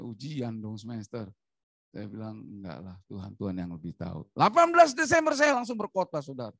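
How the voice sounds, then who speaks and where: A middle-aged Indonesian man, an evangelist preaching a sermon, who tells a personal testimony in an animated way and keeps addressing the congregation. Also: mid-range voice, gravelly, husky, dry recording.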